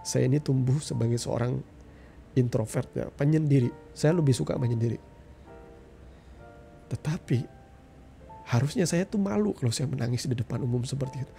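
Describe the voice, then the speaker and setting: Middle-aged male preacher, earnest testimony delivery, gravelly and mellow tone, faint music underneath. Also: medium pitch, moderate pace, pauses often. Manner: earnest, addresses listeners as "saudara". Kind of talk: testimony sermon.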